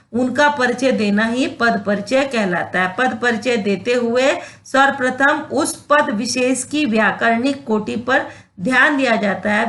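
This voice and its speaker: A woman teaching grammar at an unhurried, deliberate pace. Her voice sits fairly high, and she explains each point patiently before acting out short example phrases. She pauses to check that her listeners understand. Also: fairly bright tone. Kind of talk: classroom grammar lesson.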